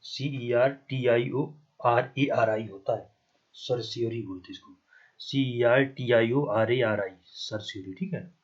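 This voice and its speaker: A man's voice: mid-range voice, steady tone, slow, slightly rough. A man with a Hindi accent teaching an exam-prep lesson, writing on a board as he talks, spelling terms out letter by letter and often checking with "ठीक है ना". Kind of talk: classroom lecture, writing on a board. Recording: dull, lo-fi recording.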